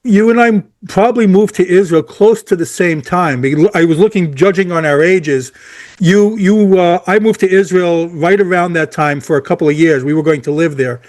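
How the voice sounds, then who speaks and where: A male podcast host chatting casually with a guest. His voice sits a bit high, and he laughs easily. He often stumbles and restarts his sentences. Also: moderate pace, a little mellow. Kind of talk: casual interview.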